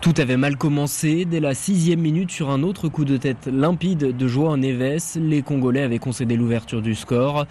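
A male sports reporter with a mid-range voice, narrating in crisp, punchy phrases. A faint hum of outdoor traffic sits behind him. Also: medium pitch, moderate pace, few pauses, dark tone.

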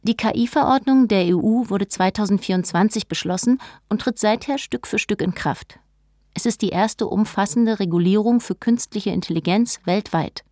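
A woman reads a documentary script in a measured, informative way. Her mid-range voice has a darkish tone and is recorded close and dry, with no room sound.

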